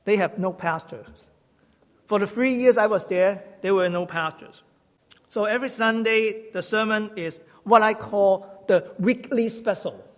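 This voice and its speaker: High-voiced man. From Hong Kong. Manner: halting, self-correcting, gently humorous. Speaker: church teacher. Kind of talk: sermon-style teaching talk. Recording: long hall reverb.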